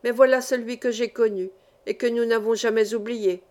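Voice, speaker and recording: A woman reading a classic novel aloud, calm and measured, as an audiobook narrator. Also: a little high, noisy background. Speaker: audiobook reader.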